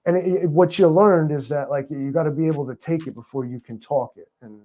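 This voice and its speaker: Rambling New man, mellow voice. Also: a little high, fairly quick. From New York. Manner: rambling, filler-heavy, joking and sarcastic. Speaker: guest. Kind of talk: casual interview chat.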